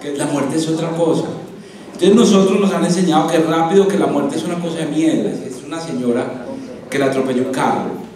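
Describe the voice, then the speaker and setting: A man giving a playful, animated sermon to a youth congress in a large hall. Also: fairly high pitch, a little fast. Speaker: speaker. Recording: echoey hall from far off.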